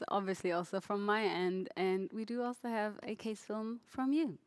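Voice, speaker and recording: A woman's voice: mid-range voice, fairly even intonation, moderate pace, clean tone, no room sound. Woman hosting an awards show, dry close sound. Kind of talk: awards presentation, announcing nominees.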